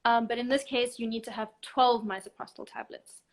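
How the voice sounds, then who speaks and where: A woman, a guest counsellor explaining procedures calmly and step by step in a live online chat. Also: fairly high pitch, a little fast. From South Africa. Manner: calm, methodical step-by-step explaining. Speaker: abortion help desk counsellor, guest expert.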